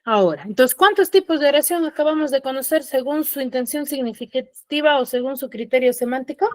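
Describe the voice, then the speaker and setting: A woman teacher giving an online class, explaining patiently, acting out example sentences with feeling and often tagging on quick checking questions. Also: high-pitched, a little mellow, no room sound.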